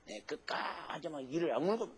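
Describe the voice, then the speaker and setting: A male pastor preaching a sermon emphatically, swinging between loud exhortation and low quiet asides and calling on the congregation to say amen. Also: very animated, moderate pace, a crowd in the background. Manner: asks the congregation to say amen and repeat lines.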